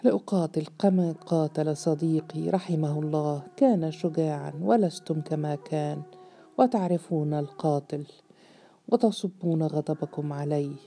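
A woman voicing a young man in mourning who speaks calmly and firmly, read in her own low, mellow storytelling voice. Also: slight background noise. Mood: resolute. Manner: calm, firm, measured. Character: grieving defiant young man, steady leader.

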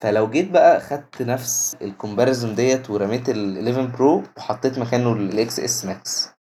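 An Egyptian man in a casual tech discussion, switching freely between Arabic and English phrases. He talks quickly in a mellow, somewhat low voice. Faint noise sits behind him.

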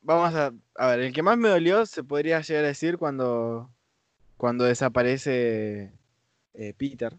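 A man's voice: mid-range voice, a little slow, smooth, no room sound. A man with a Rioplatense accent in a casual podcast chat, enthusiastic and stumbling over his words. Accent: Rioplatense Spanish. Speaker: podcast co-host.

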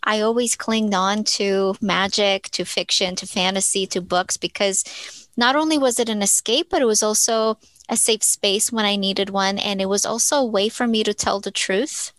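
A woman from Ukraine, a therapist and author, answering interview questions in an earnest, reflective way with thoughtful pauses. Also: medium pitch, fairly bright tone, no room sound.

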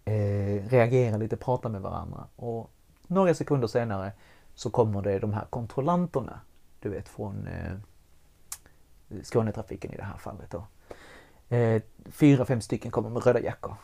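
A man telling a personal story in a conversation, candid and animated, swearing freely as he goes. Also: lowish voice, creaky. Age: adult with young child.

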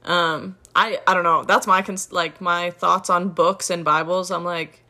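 A young woman co-hosting a faith podcast, chatting quickly and agreeably and laughing often. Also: fairly low pitch, fairly even intonation, bright, forceful tone. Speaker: podcast co-host. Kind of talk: casual chat.

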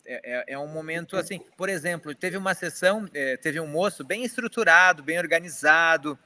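A middle-aged man, a psychologist guest telling stories in casual chat, animated and self-mocking as he acts out dialogue. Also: a little high, fairly quick.

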